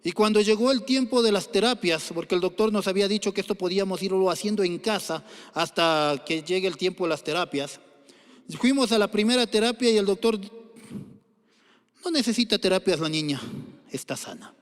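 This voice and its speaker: A man's voice: high voice, a little fast. A middle-aged man preaching a sermon as pastor, telling personal stories earnestly and building up to exhortations. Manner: earnest storytelling with rising exhortations. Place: large church hall. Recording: echoey church hall.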